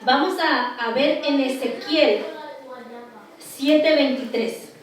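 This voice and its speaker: A woman pastor preaching a sermon earnestly, with frequent pauses and fillers, recorded from far off in a very echoey hall. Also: sits high.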